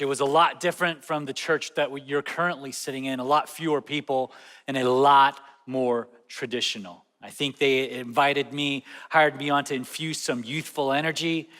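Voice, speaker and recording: A man's voice: mid-range voice, sharp tone. A young adult man preaching a sermon as a pastor, conversational and often putting questions to the audience in a large church auditorium. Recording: echoey church hall.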